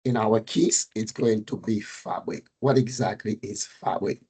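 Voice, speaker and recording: A middle-aged man from Haiti with a Creole and French accent, giving a technical presentation on a call, halting with many fillers, just getting over a cold. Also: lowish voice, warm tone, slightly rough. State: recovering from a fever and cold. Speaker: meetup speaker, data architect.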